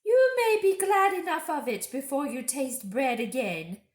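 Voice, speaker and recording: Cruel witch queen: raised pitch, forceful haughty commands, storybook villain, roomy sound. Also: expressive, unhurried. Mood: threatening. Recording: roomy home echo.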